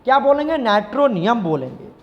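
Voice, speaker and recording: A man's voice: very high voice, very animated, a little fast, big-room sound. A male chemistry teacher, giving a classroom lecture and repeatedly asking the class questions and answering them himself. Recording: slightly dull lo-fi sound.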